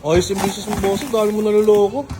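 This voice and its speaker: A man's voice: sits high, fairly even intonation, quick pace, noisy background. A man playing an exasperated customer in a comedy skit, accusing the vendor and swearing casually.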